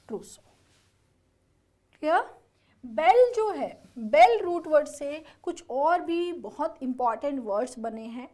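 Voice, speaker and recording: A woman with a high voice and a darkish tone leads an English lesson geared toward an exam. Spelling words letter by letter, she explains them gradually and repeatedly makes sure the students are with her.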